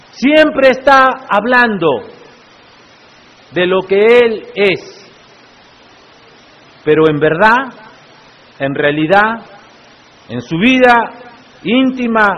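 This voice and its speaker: High-voiced male pastor preaching slowly. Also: fairly bright tone. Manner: preaching with frequent rhetorical questions to the congregation. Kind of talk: sermon. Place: church. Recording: echoey church hall, muffled lo-fi sound.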